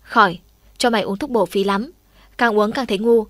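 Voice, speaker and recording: A woman voicing a blunt, scolding middle-aged mother with a gruff, sarcastic manner in audiobook dialogue. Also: mid-range voice, moderate pace, a bit bright, dry recording, clean studio sound, lightly acted.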